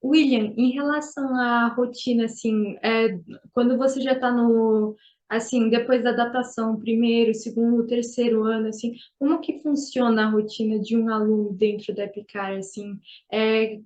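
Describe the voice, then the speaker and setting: A woman's voice: a little high, steady tone, normal speed, a little mellow. A teenage girl from Brazil hosting a casual interview, asking loose, chatty questions. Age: teens. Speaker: host.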